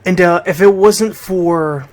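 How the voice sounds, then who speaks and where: Slow and a little mellow, the voice of this middle-aged Bridgeport, Connecticut radio DJ sits high. He hosts conversationally, speaking informally and directly to his audience.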